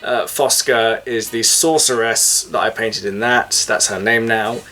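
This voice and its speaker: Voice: medium pitch, steady tone, unhurried, sharp tone, poor audio. A tipsy host rambling through a casual explanation like a drunk person chatting. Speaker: host of a hobby video channel.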